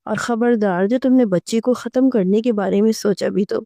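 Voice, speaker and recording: A woman's voice: medium pitch, vocal fry, mellow, dry recording, clean studio sound, lightly acted. A woman voicing a protective mother-in-law who speaks firmly, in an audio story. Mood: stern.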